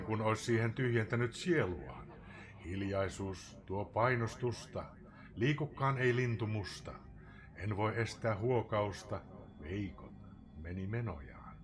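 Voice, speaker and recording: Male streamer reciting verse with theatrical swings from loud to whispered; low-set voice. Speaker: live streamer reading a poem. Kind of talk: dramatic poetry recitation.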